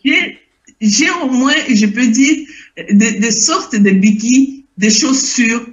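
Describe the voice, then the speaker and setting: A woman's voice: fairly high pitch, slow. An older woman giving an emotional spoken testimony, hesitant and repeating herself as she searches for words. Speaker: testifying church member. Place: lives in Belgium.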